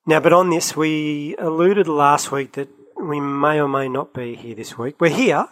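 An unhurried man with a fairly high voice co-hosts a casual podcast, recorded in low quality. Travelling in London, he tells lively travel stories, chatting and laughing often.

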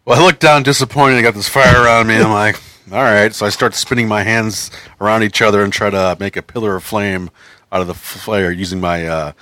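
A man's voice: lowish voice, fairly even intonation, brisk, bright, forceful tone, no echo. A man chatting casually as a player in a tabletop game, describing his moves.

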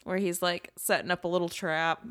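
A woman co-hosting a podcast, casually recapping a horror film scene by scene in an animated way, often laughing. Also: fairly low pitch, fairly quick. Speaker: podcast co-host. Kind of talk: casual movie recap chat.

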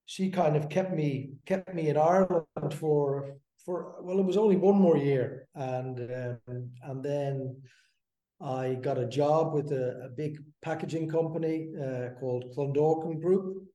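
A man in his fifties from the Netherlands, a brewery co-founder, talking as a podcast guest in a halting, filler-filled way. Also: a little high, mellow, reverberant. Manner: halting, many fillers and restarts. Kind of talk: casual interview.

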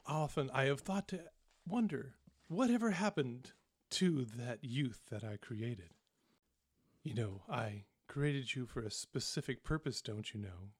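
A man's voice: mid-range voice, lively intonation, measured pace, slightly rough, no room sound, clean studio sound. A man voicing a cruel older male shapeshifting ambassador with a sing-song, lulling voice, smirking and coaxing. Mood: coaxing, gleeful. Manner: smirking, coaxing, gleeful about harm.

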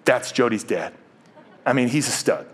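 A man's voice: medium pitch, moderate pace, slightly rough. A middle-aged man preaching a sermon as pastor, joking often and stumbling over repeated words. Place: church.

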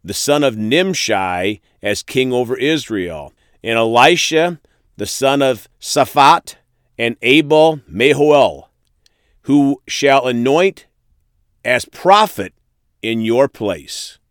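Slow-spoken man preaching a sermon. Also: medium pitch, animated, fairly bright tone, clear, resonant tone, no room sound, studio quality. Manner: reads verses aloud, then addresses listeners as friends and folks. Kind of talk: sermon with scripture reading.

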